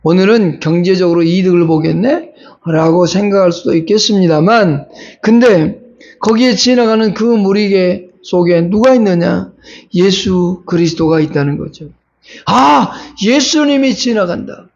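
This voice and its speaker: A male pastor preaches with a high-pitched, gravelly voice. He keeps putting rhetorical questions to the congregation and pushes toward urgent pleading. The recording sounds dull and lo-fi. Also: normal speed, darkish tone. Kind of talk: sermon.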